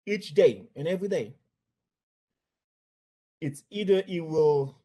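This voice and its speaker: Testifying off the cuff, this man from Haiti recounts what happened at the bank where he used to work. His Haitian-accented voice is fairly high and dark-toned yet expressive, and his speech halts, circling back over the same words and phrases.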